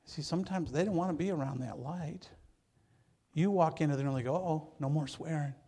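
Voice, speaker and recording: Speaking a little fast in a fairly high, mellow voice with a breathy edge, a Michigan pastor gives a sermon. He talks informally with his listeners, jokes with them, and tends to repeat words as a phrase gets going.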